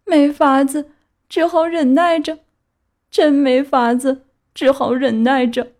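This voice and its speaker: A woman voicing a wooden puppet boy turned into a miserable donkey, with high wailing braying cries, in a children's storybook reading. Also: unhurried. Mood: resigned.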